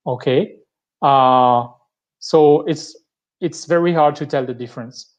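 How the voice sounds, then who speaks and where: A man with a French accent giving a live-streamed tech presentation, explaining step by step and pausing often to think. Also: a little high, dull audio. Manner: explanatory, thinking aloud with many pauses.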